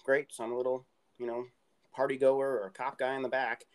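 A man's voice: mid-range voice, flat delivery, a little fast. A man hosting a podcast, talking with enthusiasm and rambling through his points. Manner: enthusiastic, rambling, restarts words. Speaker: podcast host. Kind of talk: casual interview talk.

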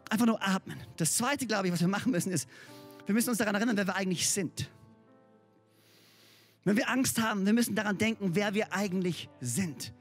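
A male pastor giving a sermon in a high, husky voice. He speaks to the congregation in a lively, emphatic and chatty way, and soft music plays faintly behind him. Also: a little fast. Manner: lively and emphatic, mixes in English words; conversational, speaks directly to listeners.

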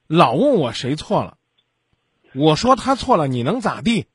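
A man hosting a late-night radio advice show, his voice a little husky and on the high side for a man. He lectures his callers bluntly, swinging widely in pitch as he scolds. The studio sound is close and dry. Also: big pitch swings, moderate pace, fairly bright tone, dry recording. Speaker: radio call-in advice host. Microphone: studio microphone.

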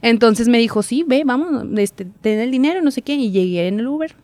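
A young woman, telling her story as a guest in a casual interview, chatty and quick to laugh. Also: on the high side, lively intonation, darkish tone, no room sound. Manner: chatty storyteller, laughs often, acts out quotes. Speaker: guest, TV reporter.

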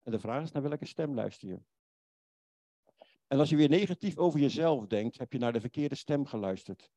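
A man delivers an earnest, pleading sermon. His voice is dark and mellow, and it sounds dry and close. He slows down and turns quiet whenever he quotes God. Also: mid-range voice, animated, dry recording. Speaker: preacher.

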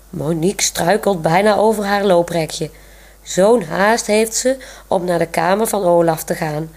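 A woman's voice: lowish voice, vocal fry, darkish tone. A woman reading a children's book chapter aloud on a radio show. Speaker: radio reader.

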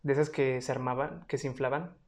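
A young woman with a Mexican accent and a distinctly low voice co-hosts a podcast. She chats off the cuff, using lots of slang and some swearing. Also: flat delivery, fairly quick. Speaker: podcast co-host. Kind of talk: casual unscripted chat.

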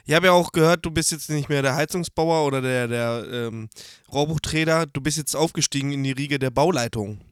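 A man's voice: on the high side, fairly quick, clean tone, no room sound, studio quality. A man co-hosting a casual podcast, teasing and joking. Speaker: podcast co-host. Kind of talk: casual chat.

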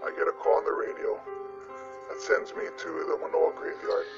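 A man's voice: fairly high pitch, completely flat delivery, moderate pace, creaky. A police officer with an electronically disguised voice, telling a ghost story from his patrol in a plain, matter-of-fact way. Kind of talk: recounting a personal ghost story in an interview. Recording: muffled lo-fi audio, distant mic, loud music bed.

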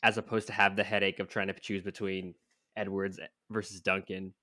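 A man's voice: low voice, little pitch movement, moderate pace, sharp tone, no room sound. A man co-hosting a casual sports podcast, adding short, dry remarks. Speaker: podcast co-host.

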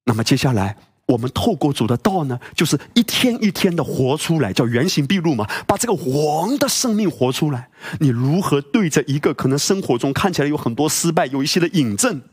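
A man's voice: fairly high pitch, big pitch swings, fairly quick, hardly any pauses, husky. A male pastor preaching a sermon, emphatic and full of rhetorical questions and exclamations.

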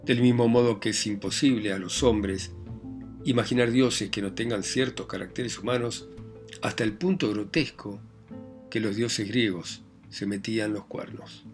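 A man reading a novel aloud in a grave, measured first-person narration with an Argentine Spanish accent. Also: fairly low pitch, faint music behind. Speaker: audiobook narrator. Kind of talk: scripted literary narration.

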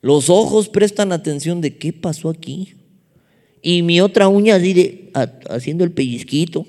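Mexican male preacher, high voice, lively humorous storyteller, long hall echo. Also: moderate pace. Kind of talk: sermon.

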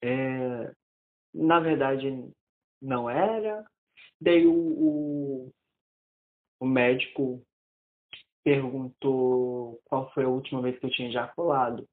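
A man in his twenties telling a personal story in casual conversation, animated and often restarting his sentences. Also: mid-range voice, takes it slowly, long pauses. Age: 20s. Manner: animated, acts out quoted dialogue, many restarts. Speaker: interviewee. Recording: tinny phone-like audio.

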